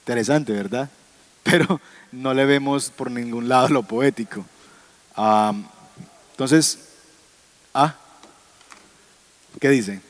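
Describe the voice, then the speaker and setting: A man's voice: mid-range voice, slow, long pauses. A man teaching a Bible class on Hebrew poetry, talking to his students, asking them questions and chuckling now and then. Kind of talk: classroom lecture.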